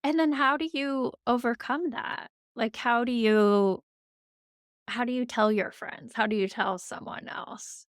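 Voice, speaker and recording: A woman's voice: a little high, fairly even intonation, measured pace, clean tone, no room sound, clean studio sound. A woman sober coach hosting a casual podcast conversation, supportive and asking follow-up questions.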